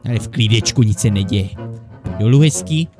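A man's voice: on the low side, over music. A man playing through a comedic game parody, chattering nervously and swearing often as he plays two bickering friends. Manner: jittery, panicky banter with frequent mild swearing; switches between two bickering sidekick characters. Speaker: gaming YouTuber. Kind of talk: comedic Minecraft let's play.

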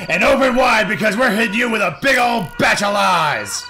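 A man's voice: high voice, lively intonation, moderate pace, sharp tone, raised voice, pitched above the performer's own voice. A man voicing a furious ranting man who bellows crude complaints at the media, over game music. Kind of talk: put-on impression rant.

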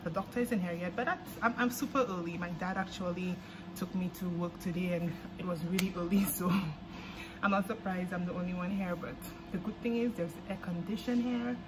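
A woman's voice: fairly low pitch, steady tone, fairly quick. Chatty young woman vlogging on a phone. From Saint Lucia. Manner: chatty, upbeat, says "literally" and "like" often. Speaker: medical student vlogger. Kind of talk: casual vlog chat. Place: stadium, kitchen, hospital hallway and lab. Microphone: phone camera at arm's length. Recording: phone vlog with clear background noise.

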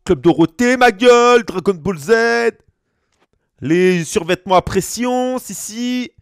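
A man's voice: sits high, lively intonation, slow pace, no echo, clean studio sound. A man in his thirties from France, streaming a football game and bantering with his chat in slangy, joking asides. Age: 30s. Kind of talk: casual gaming stream chat.

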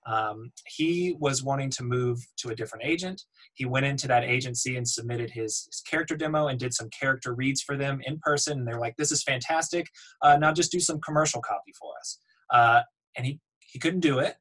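A man in his thirties leads a webinar from home, speaking into a webcam at a middling pitch. His delivery is relaxed and explanatory, padded with ums and uhs as he thinks aloud. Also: fairly quick, poor audio. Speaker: voiceover demo producer. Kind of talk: webinar teaching. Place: home room, indoors. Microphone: webcam on video call.

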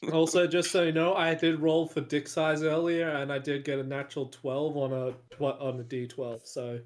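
A man's voice: fairly high pitch, level tone, moderate pace. A man talking as a player in a tabletop game, hesitant and swearing casually. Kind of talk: casual chat.

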